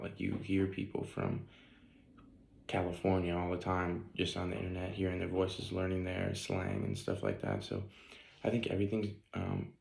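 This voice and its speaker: Young man, slight Northeast Ohio accent, low flat delivery, rambling student presentation in an echoey room. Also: vocal fry. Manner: rambling, many ums and likes. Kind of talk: casual class video presentation.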